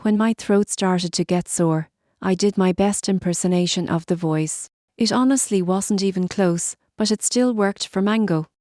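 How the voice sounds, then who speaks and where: A woman narrating a scripted horror story in a steady, measured way. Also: medium pitch, dry recording, studio quality.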